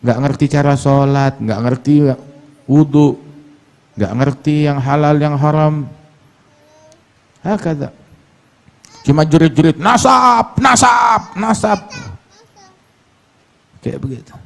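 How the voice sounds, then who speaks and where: A man preaching a sermon. He talks emphatically, leaps up in pitch to mock, and slows right down to recite Arabic sayings. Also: fairly even intonation, dark tone. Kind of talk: religious sermon.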